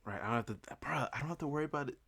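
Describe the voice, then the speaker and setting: A man's voice: medium pitch, very fast, vocal fry, fairly bright tone, slight background noise. A man hosting a casual gaming podcast, laughing often and talking in loose slang. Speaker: podcast host. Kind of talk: casual chat.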